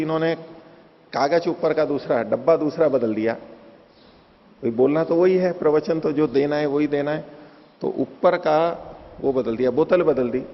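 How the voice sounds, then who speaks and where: A man lecturing on Vedic philosophy, turning his points with everyday examples. His voice is gravelly. The recording is dull and lo-fi, with a long hall reverb. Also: fairly high pitch. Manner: explains with homely examples, chuckles. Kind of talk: Hindi lecture on scripture.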